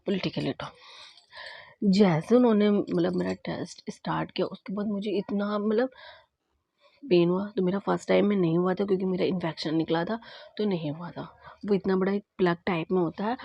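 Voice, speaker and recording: A woman vlogger casually recounting her own experience, acting out both sides of the conversations in a lively way. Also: on the low side, a little fast, vocal fry, slightly rough, no echo, lo-fi sound. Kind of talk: casual storytelling vlog.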